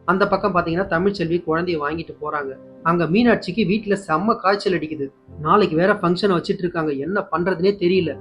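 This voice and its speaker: A man casually retelling a TV serial episode in a lively, rapid way. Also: high voice. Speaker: serial recap narrator. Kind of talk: casual storytelling recap. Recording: dull lo-fi with faint music.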